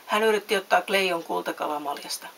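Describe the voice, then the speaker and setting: A woman's voice: creaky, low-quality recording. A woman reading a children's fairy tale aloud, lifting her voice for the characters' lines. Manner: reads voices with raised pitch and loudness. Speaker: storyteller. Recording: faint hiss.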